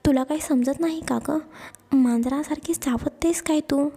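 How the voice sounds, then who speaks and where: A woman's voice: sits high, normal speed, mellow. A woman voicing a flustered young man who snaps, then apologizes. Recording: long echo, hall-like reverb.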